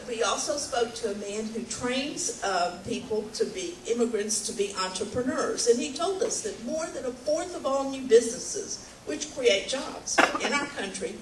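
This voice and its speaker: An earnest woman giving a persuasive speech to a crowd. Her voice carries from a distance across a large, echoey hall, with faint background noise under it. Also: mid-range voice. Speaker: speaker at a rally.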